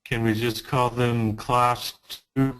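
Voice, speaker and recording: A man's voice: mid-range voice, flat delivery, slow pace, fairly bright tone, faint music behind. A man dialing into a conference call whose connection keeps cutting out and breaking up, asking short, direct questions. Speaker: remote caller on a conference call. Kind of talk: casual meeting discussion.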